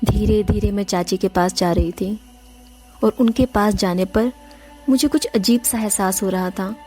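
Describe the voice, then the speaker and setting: A woman's voice: medium pitch, fairly even intonation, a little slow, darkish tone. A woman narrating a first-person horror story in an earnest, emotional way, speaking directly to her listeners. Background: faint music.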